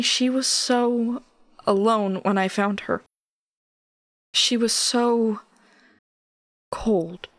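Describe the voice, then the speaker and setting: Woman doing grieving young woman, stammery, highish voice, dry close sound. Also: dry recording. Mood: despairing. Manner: halting, stammering delivery. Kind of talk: audio drama acting.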